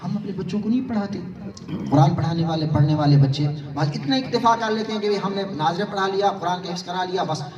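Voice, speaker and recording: A man's voice: high-pitched, highs cut off. A man preaching a sermon to a gathering, questioning his listeners and pressing his points. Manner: rhetorical, quizzes the audience. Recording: roomy, far-off mic, crowd.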